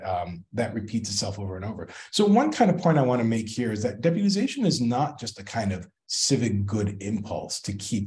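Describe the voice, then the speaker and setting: Lively, low-voiced man explaining. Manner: reflective, emphatic, frequent "right?" tags. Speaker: guest scholar in conversation. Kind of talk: academic interview conversation.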